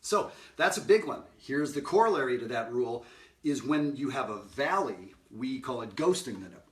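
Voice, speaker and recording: A man's voice: medium pitch, lively intonation, normal speed, distant mic. A middle-aged man giving a casual jazz lesson, talking conversationally, singing note examples and often asking "right?". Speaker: jazz educator. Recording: roomy sound from off-mic.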